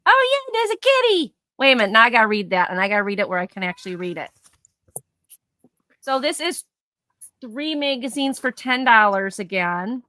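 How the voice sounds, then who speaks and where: A woman with a bright, forceful voice, a touch higher than most, hosts a live vintage sale. She chats casually and reads tabloid headlines aloud. The sound is dry and close. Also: very animated, normal speed, no room sound. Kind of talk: casual live-stream chat and reading aloud.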